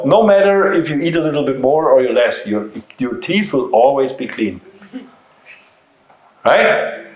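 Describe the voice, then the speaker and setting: A company founder and native German speaker with a German-speaking European accent presents informally in a mid-range voice to a seminar audience indoors. His didactic style uses short emphatic phrases and rhetorical questions, and the room is very echoey and reverberant.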